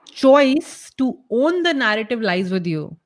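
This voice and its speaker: A woman's voice: a little high, big pitch swings, a little slow. North indian accent woman being interviewed, explains stuff emphatically, repeats her points in little lists. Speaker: startup founder, interview guest. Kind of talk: conversational interview answers.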